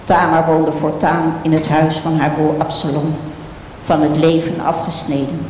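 A reader delivers scripture slowly and deliberately, at a mid pitch. The voice rings in a large, echoing hall with a long reverb tail. A faint low rumble hums beneath it. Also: little pitch movement, a little mellow. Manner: slow, measured reading. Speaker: Bible reader. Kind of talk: scripture reading.

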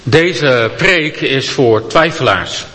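A man reading a scripture passage aloud and then preaching a sermon, with an expressive delivery that gives the speakers in the story their own voices. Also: mid-range voice, takes it slowly, a little hiss or hum. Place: church. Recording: long church reverb.

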